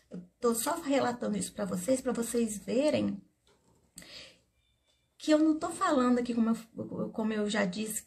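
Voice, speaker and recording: A woman's voice: medium pitch, creaky, darkish tone. A middle-aged woman therapist with a Brazilian Portuguese accent, talking casually to camera and telling an earnest personal story as she advises parents. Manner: earnest, storytelling, addresses viewers directly. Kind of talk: casual advice talk to camera.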